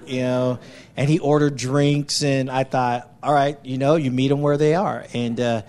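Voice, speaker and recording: A man with a mellowish mid-range voice tells an anecdote as a missionary giving a church testimony. He keeps it conversational, like storytelling, and acts out the quoted lines.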